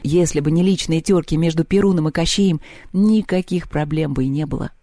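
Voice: mid-range voice, a little fast, mellow, no echo, natural voice. A reader voicing a thoughtful teenage boy, desperate then pensive.

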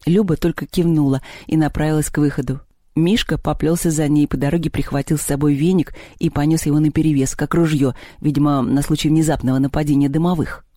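A calm audiobook narrator reads a children's story with a mellow, soft tone. The recording is dry and close, with no room sound. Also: medium pitch, fast, no room sound. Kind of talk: scripted narration.

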